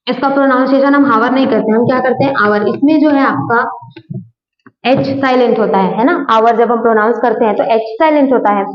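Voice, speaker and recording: A woman with a high voice teaches an English grammar lesson, repeatedly posing questions and answering them herself. She explains patiently, going over each point again and again, in a dull lo-fi recording from an echoey room.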